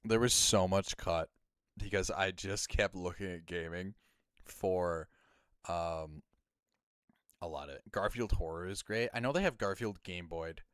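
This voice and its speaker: Midwestern guy streaming, smooth clean voice, dry close sound, rambles and trails off. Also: sits low, dry recording. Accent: Midwestern American. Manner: talks fast, trails off quietly, reads out comments. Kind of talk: casual chat.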